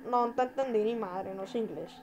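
Brief: woman gamer, lively casual commentary, begs and yelps at the game, slightly high pitch. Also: brisk, slight background noise. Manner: excitable, pleading, chatty with viewers. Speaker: gamer playing online.

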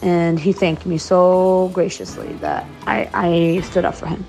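A woman hosting a travel show, telling a story in voice-over and acting out the dialogue in quick, animated bursts. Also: on the low side, soft background music. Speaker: host, blind traveler.

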